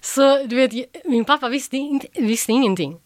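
A woman, an actress guest on a podcast, telling a story in a casual, lively way and acting out what people said. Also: sits high, no room sound, studio quality. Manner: lively, quotes people with "I was like" and acts them out.

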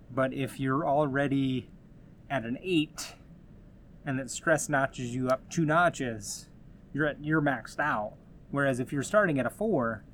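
A man's voice: mid-range voice, slight background noise. A man giving casual motivational advice as a host, earnest and encouraging in a conversational way.

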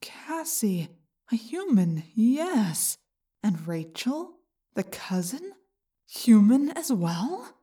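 A woman voicing a sneering alien parasite that speaks inside a boy's head, hushed and slow. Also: a little high, sing-song, husky, exaggerated voice. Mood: wondering.

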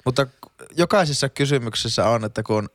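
A man's voice: medium pitch, no echo. A man co-hosting a casual podcast, making dry jokes and rambling explanations. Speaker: podcast co-host.

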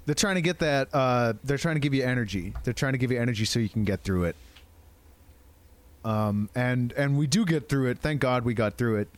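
A man co-hosting a podcast in casual chat, excited and swearing freely, with quick asides. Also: medium pitch. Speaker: podcast co-host.

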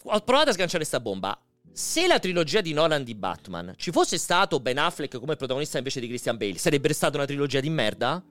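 Excitable man, animated livestream banter. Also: on the high side, fairly quick, no echo, faint music behind. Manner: excitable, profane, exasperated outbursts. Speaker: live streamer.

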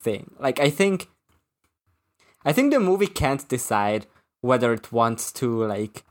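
A man's voice: medium pitch, sing-song. A man co-hosting a podcast, chatting casually about a film with many fillers and restarts. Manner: halting, full of fillers and restarts. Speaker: podcast co-host. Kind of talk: casual movie review chat.

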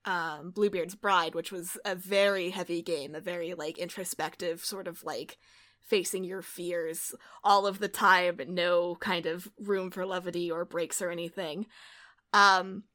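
On a video call, a woman reflects on the tabletop game she just ran in a laid-back podcast conversation, laughing freely and using plenty of fillers. Her voice sits on the low side, bright and forceful, with a steady tone and a slightly slow pace.

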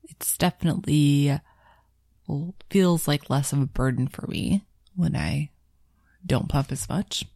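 A woman's voice: sits low, a little slow, gravelly, long pauses, dark tone, dry recording, clean studio sound. A young woman, a new mother of twins, chatting casually on a podcast, plain-spoken with many fillers. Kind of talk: casual chat.

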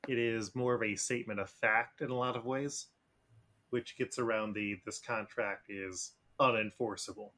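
Relaxed male game master. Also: mid-range voice, normal speed. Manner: relaxed, with frequent fillers. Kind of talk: narrating a tabletop game.

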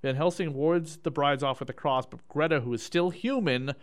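Male podcast co-host, smooth clear voice, animated movie recaps, casual. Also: a little high, normal speed. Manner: animated, retells scenes and reads plot summaries.

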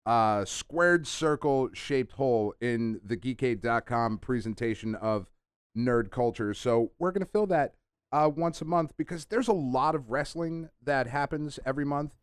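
A man's voice: medium pitch, a little slow, clean tone, no room sound, clean studio sound. A man hosting a podcast in casual chat, talking like an enthusiastic fan who swears freely. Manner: profane, enthusiastic fan talk. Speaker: podcast host.

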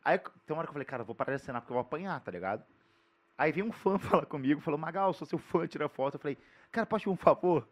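Fast-talking man telling a story. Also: on the high side, lively intonation. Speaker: podcast co-host. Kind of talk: casual storytelling chat.

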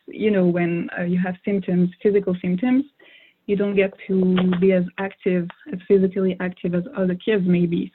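A young French-speaking woman, appearing as an interview guest, answers questions thoughtfully in a mid-range voice with a breathy edge. She uses plenty of fillers and often restarts her sentences. The audio is narrow and phone-like.

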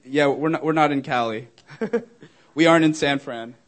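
A man's voice: a little high, normal speed. A young man, a startup founder, answering audience questions in a casual, friendly way, with many fillers and easy laughs. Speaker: startup founder presenting to users. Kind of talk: casual Q&A presentation.

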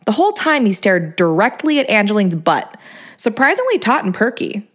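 A woman's voice: medium pitch, very animated, normal speed, fairly bright tone. A woman narrating her memoir in a wry, self-mocking tone.

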